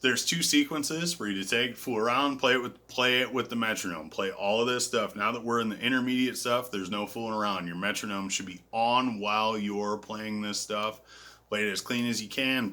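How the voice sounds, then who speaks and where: A man giving a casual guitar lesson in a relaxed, self-deprecating way, calling out frets and counting beats. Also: fairly low pitch, moderate pace. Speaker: guitar teacher. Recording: loud guitar playing behind the voice. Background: electric guitar.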